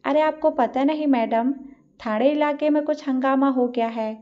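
A man's voice: very high-pitched, steady tone, normal speed. A woman voicing a nervous middle-aged male shopkeeper who grumbles and makes excuses. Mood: grumbling. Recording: dull lo-fi recording.

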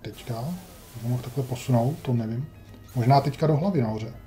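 Dark-voiced man grumbling through a retro game. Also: mid-range voice, soft background music. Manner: wry, grumbling, talks to himself while playing. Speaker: gameplay commentator. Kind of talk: casual let's-play commentary.

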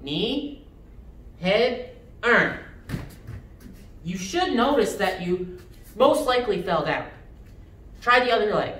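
A young man teaching a children's karate class, giving sharp, clipped martial arts commands. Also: high voice, very animated, normal speed, pauses often. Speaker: karate instructor. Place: mid-sized indoor karate studio with matted floor. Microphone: distant camera. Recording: roomy, distant microphone, background noise.

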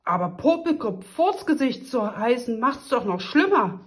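A woman reading a children's story aloud, voicing a spoiled, stubborn young princess with shrill, whiny outbursts. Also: big pitch swings, measured pace. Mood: defiant.

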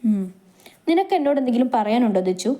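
A woman's voice: on the high side, animated, quick pace, mellow, lightly acted. A woman doing a caring, probing older sister. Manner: soothing, questioning.

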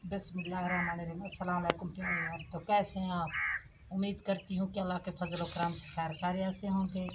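A woman's voice: on the low side, level tone, quick pace. Matter-of-fact middle-aged woman, outdoors. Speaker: vlog co-host, wife. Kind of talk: casual family vlog talk. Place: village courtyard outdoors. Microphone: camera at a few meters. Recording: outdoor recording with background noise.

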